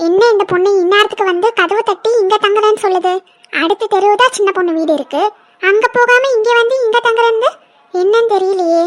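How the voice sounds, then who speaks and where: A woman's voice: extremely high pitch, a little fast. A woman voicing a fussy middle-aged village housewife who frets and mutters to herself in a cartoon. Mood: worried. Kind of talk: cartoon voice acting.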